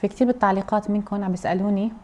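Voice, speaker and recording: Speaking in rapid-fire Aleppo Syrian Arabic, this woman is a mother and cooking vlogger who chats casually with her viewers and explains things at length. Her medium-pitched voice is steady in tone and mellow.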